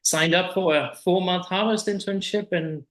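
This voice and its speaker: A man's voice: sits high, moderate pace, echoey room. A man in his forties from Denmark with a Danish accent, a winemaker guest talking casually with many fillers over a video call. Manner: relaxed, hesitant with many uh fillers. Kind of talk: casual interview chat.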